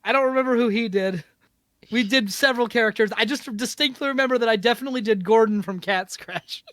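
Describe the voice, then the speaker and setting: A man's voice: very high voice, fast, a bit bright, dry recording, clean studio sound. A man co-hosting a podcast, telling stories in casual chat, rambling and correcting himself as he goes. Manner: rambling storytelling with frequent laughs and self-corrections. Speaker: podcast co-host.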